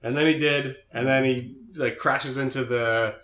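A man's voice: mid-range voice, fairly even intonation, a little slow, fairly bright tone. A man co-hosting a podcast, recapping an episode in a joking, boastful casual chat. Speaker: podcast co-host. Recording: roomy echo.

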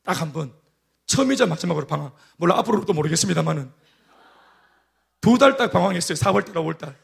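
A male pastor with a Gyeongsang accent preaches in an animated storytelling style. His voice is gravelly and sits high for a man. He acts out the lines of the people in his stories. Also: fast talker. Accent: Gyeongsang dialect. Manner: animated storytelling with acted-out quotes. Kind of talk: sermon.

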